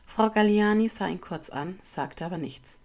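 A woman reading a first-person story aloud as an audiobook narrator, with expressive, dramatic storytelling. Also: mid-range voice, moderate pace.

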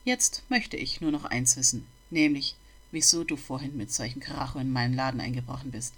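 A woman's voice: very deep voice, a little fast, voice pushed down, heavily acted. A woman voicing a grumbling old male bookseller who questions a boy with disapproval. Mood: gruff, probing. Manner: gruff, interrogating, disapproving.

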